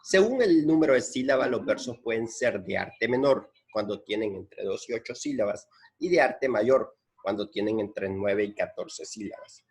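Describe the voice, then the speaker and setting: A man's voice: on the low side, expressive, normal speed, darkish tone, slightly rough. A man teaching a lesson, patiently explaining and repeating points and counting syllables aloud. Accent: Central American Spanish.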